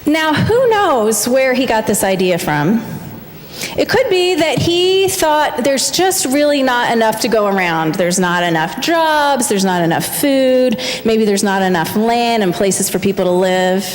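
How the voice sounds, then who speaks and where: A woman minister telling a lively, expressive story to a church congregation. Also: on the high side, a little slow, a little hiss or hum. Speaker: family minister. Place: large church sanctuary. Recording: church hall with long reverb.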